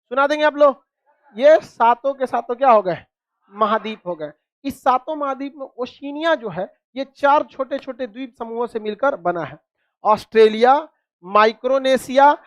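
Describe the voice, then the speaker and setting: A man's voice: very high voice, moderate pace, dry recording. A man teaching a class, quizzing students with repeated questions and cracking jokes. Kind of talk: classroom lecture with call-and-response.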